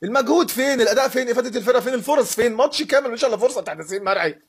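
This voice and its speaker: Fast-talking husky Egyptian man ranting. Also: very high voice. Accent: Egyptian Arabic. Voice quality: sarcastic, heated, mocking. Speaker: football fan channel host. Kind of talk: casual rant rating players.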